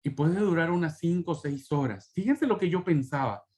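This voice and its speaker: Man, higher-pitched voice, earnest, emotional testimony, addresses class as brothers, frequent tag questions. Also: expressive, moderate pace, darkish tone.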